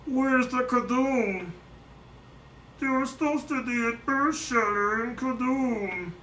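A man's voice: very high voice, slow pace, sharp tone, a little hiss or hum, pitched above the performer's own voice, heavily acted. A man impersonating a small, pompous cartoon alien with a nasal, prim voice. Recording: roomy, distant amateur recording.

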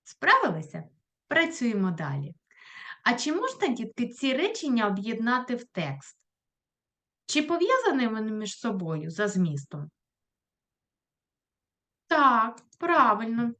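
Woman, schoolteacher, lively voice, patient questioning tone, talking to children. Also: on the high side, measured pace, long pauses. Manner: clear, patient, questioning teacher tone. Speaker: primary school teacher. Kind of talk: recorded online lesson for children.

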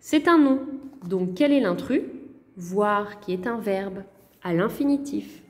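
A woman's voice: mid-range voice, animated, slow, big-room sound, soft background music. A woman teacher going over a lesson correction for young pupils, patient and careful, sounding words out syllable by syllable. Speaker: primary school teacher.

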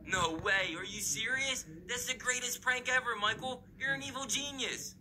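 A man's voice: extremely high pitch, moderate pace, background noise, voice pushed up. A man voicing a casual, hyped-up teenage brother in a comedy skit. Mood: eager. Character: teenage brother, eager sidekick.

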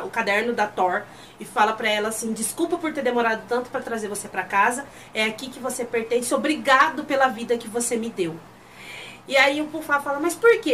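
Woman gushing thru an episode recap, high voice, little bit of hiss behind her. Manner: animated retelling, acting out dialogue in quick voices. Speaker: series reviewer.

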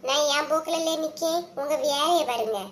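High-voiced village woman with a Kanyakumari accent, as a woman voices her. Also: brisk, fairly bright tone, slight background noise. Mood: gleeful. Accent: Kanyakumari Tamil. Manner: chatty, scolding, teasing. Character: village women, gossiping and scolding relatives. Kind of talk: cartoon voice acting.

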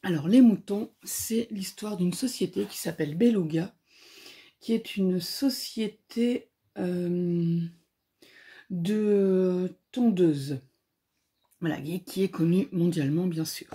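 Brief: female comic reviewer, low-ish mellow voice, unhurried, hesitant delivery with lots of pauses. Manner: hesitant, searching for words. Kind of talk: casual spoken book review.

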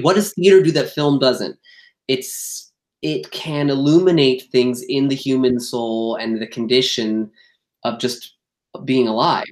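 Man telling theater stories in an echoey room. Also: medium pitch. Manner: animated, acts out quoted exchanges. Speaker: guest, theater actor and director. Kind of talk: candid interview storytelling. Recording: roomy echo.

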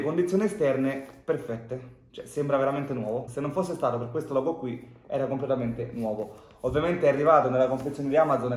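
A man's voice: mid-range voice, a little mellow. A young man talking casually to the camera in an unboxing vlog, chatty and informal with lots of fillers. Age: young adult. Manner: chatty, informal, many filler "cioè" and "raga". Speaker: vlogger. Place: room at a wooden table indoors. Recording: echoey room, faint noise.

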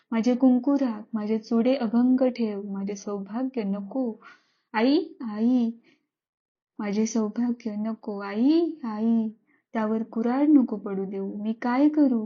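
A woman's voice: fairly high pitch, muffled recording. A woman voicing a desperate praying wife. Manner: imploring and fervent.

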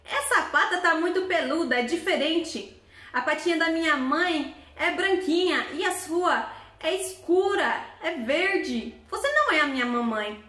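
A woman voicing a small, clever, obedient young goat kid in a children's story, with a high childlike voice. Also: animated, a little slow, bright, forceful tone, echoey room, full character voice. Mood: suspicious.

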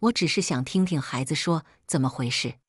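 A woman's voice: sits low, brisk, breathy edge, no echo, clean studio sound. A woman reading a story aloud, voicing a humble working mother who pleads anxiously with a teacher.

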